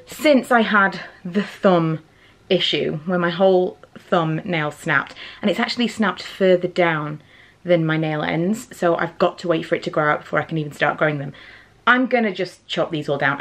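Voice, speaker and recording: A woman's voice: fairly low pitch, moderate pace. A woman in her thirties with a British accent, chatting casually to camera in a daily vlog, rambling and self-deprecating. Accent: British English. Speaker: vlogger.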